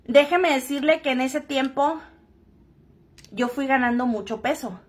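A woman's voice: high voice, unhurried. A woman telling a personal story to camera in a frank, joking, crude-spoken way. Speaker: vlogger.

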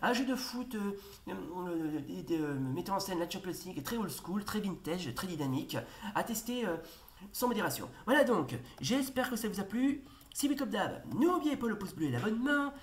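A woman commentates on her own football video game match, her voice leaping up and down in pitch as she shouts at the referee and trails into hesitations. She sounds like she is in a roomy space with a noticeable echo. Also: sing-song, normal speed. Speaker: let's play host. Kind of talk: let's play football commentary. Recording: roomy echo, faint noise.

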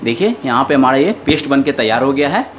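Cooking at the stove at home, this host speaks fast in a medium-pitched, fairly bright voice with lively intonation. He talks viewers directly through each step of a recipe in a patient, instructive manner, with slight background noise present.

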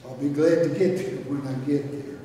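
An older man gives a graveside eulogy as a pastor, speaking in a folksy, plain-spoken way with long pauses. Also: medium pitch, warm tone. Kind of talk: graveside funeral eulogy and sermon. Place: outdoor graveside service, recorded from a distance. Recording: echoey, noisy, captured from far off.

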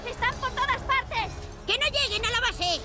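A woman voicing a panicked child in a cartoon game dub, yelling shrill alarms. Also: animated, moderate pace, over loud music. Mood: panicked shouting.

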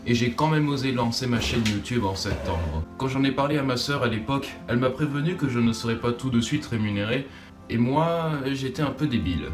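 A man's voice: mid-range voice, animated, brisk, distant mic. Young male narrator, scripted and self-mocking, roomy sound with music underneath. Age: young adult. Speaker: YouTuber narrating his own short film.

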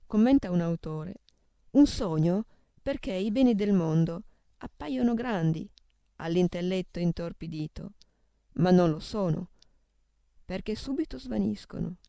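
A woman reading devotional meditations aloud in a solemn, steady way, naming scripture references as she goes. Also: on the low side, vocal fry, dry recording. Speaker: reader of devotional texts.

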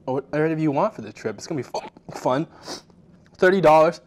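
A man's voice: fairly high pitch, animated, brisk. Young man struggling through a burning, spicy mouth. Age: 20s. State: teary, in pain from spicy food, coughing. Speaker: food challenge host. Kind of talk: casual on-camera challenge talk. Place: small indoor office meeting room.

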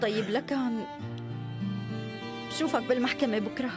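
A woman's voice: on the high side, normal speed, over loud music, lightly acted. An actress dubbing a tipsy, defensive young woman lawyer in a TV drama, hesitant yet insistent, with a Syrian accent. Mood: hesitant, subdued. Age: young adult. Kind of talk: dubbed TV drama dialogue.

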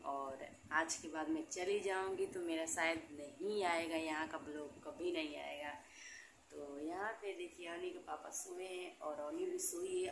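A young woman chats to her viewers in a relaxed daily vlog, pointing out things around her home as she goes. Her voice sits a little low for a woman. It echoes in a bare, emptied room, with noisy phone audio behind her. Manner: chatty, talks straight to viewers while showing her home. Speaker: vlogger.

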